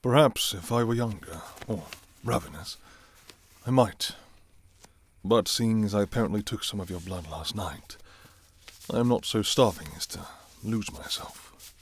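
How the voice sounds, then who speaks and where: A man playing a courtly, restrained vampire king in an intimate ASMR role-play, speaking formally and softly with some hesitation. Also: on the low side, measured pace, a little hiss or hum. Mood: courteous, tentative. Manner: formal, archaic, hesitant, soft-spoken. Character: courtly adult male vampire king, restrained, yearning for his enemy.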